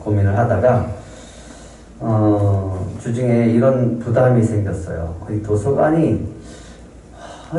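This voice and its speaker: Male pastor, earnest sermon delivery, warm low tone, faint room hiss in the background. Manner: earnest preaching, acts out prayers with rising pitch. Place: small church sanctuary. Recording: roomy church sound from a distant mic.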